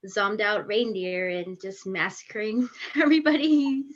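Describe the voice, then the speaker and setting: A woman guest with a mid-range voice, coming through a slightly dull, muffled video call line. She sounds eager as she describes her work, with halting pauses and filler words. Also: mid-range voice. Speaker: actress and filmmaker guest. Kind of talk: casual interview answers.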